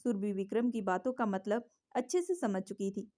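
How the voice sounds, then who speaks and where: A woman storyteller giving a scripted narration of a romance story in a steady, even reading. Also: medium pitch, normal speed.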